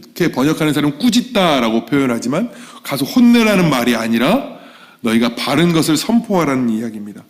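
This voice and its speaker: A middle-aged male pastor preaching a sermon, swinging between soft low asides and raised exhortation.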